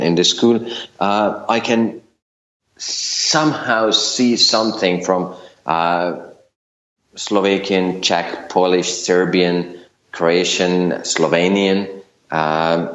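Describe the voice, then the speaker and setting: A middle-aged Hungarian-accented LinkedIn consultant is a guest in a casual interview, speaking hesitantly with many fillers and restarts. His low voice is slow and fairly bright, and the recording sounds roomy, dull, and lo-fi.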